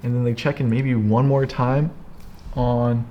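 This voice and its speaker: Man, young adult, medium-pitched, energetic, emphatic, casual teaching chat. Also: a little slow, muffled recording. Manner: energetic, emphatic, repeats "here's the deal". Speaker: co-host, business coach.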